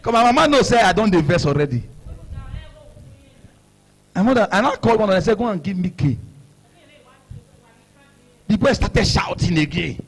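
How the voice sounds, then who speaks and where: A middle-aged man with a Nigerian accent, preaching a sermon as a story, animated, laughing and shouting for emphasis. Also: high-pitched, a little fast, long pauses, slightly rough. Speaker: pastor.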